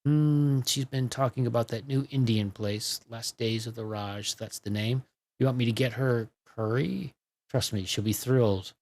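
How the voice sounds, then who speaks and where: A man's voice: mid-range voice, fairly even intonation, moderate pace, darkish tone, slight background noise, lightly acted. A man voicing a chatty, teasing female best friend with a bubbly manner. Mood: teasing playful.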